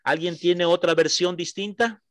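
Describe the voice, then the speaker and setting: A man's voice: high voice, steady tone, fairly bright tone, no echo, clean studio sound. A man with an Ecuadorian accent teaching a Bible study class, explaining patiently, repeating key points and checking that his listeners follow. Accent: Ecuadorian Spanish. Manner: explanatory, checks understanding with short questions; repeats points slowly for emphasis.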